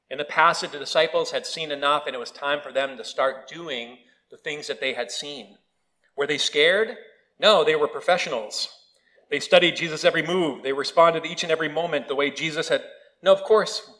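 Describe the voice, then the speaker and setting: A man with a fairly high voice preaches a sermon in a church, telling stories laced with humor and animating the voices he quotes. The recording is rough.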